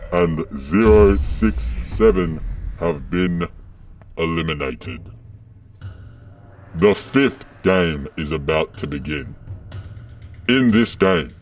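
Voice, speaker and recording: A man's voice: deep voice, animated, extremely slow, pauses often, darkish tone, heavily acted. A man playing a cold masked game master, making formal, menacing announcements. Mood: cold menace. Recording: distant voice over music.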